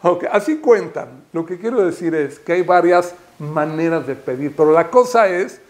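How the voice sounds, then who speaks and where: A rabbi preaching in a high, emphatic voice. He climbs to impassioned, repeated calls. He drops Hebrew terms throughout his Torah sermon. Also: lively intonation, normal speed. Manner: peppers speech with Hebrew terms.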